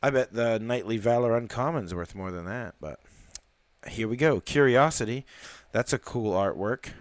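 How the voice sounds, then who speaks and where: A man hosting a live card unboxing, chatting casually in a rambling way with fillers and excited exclamations. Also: medium pitch, clean tone, no room sound.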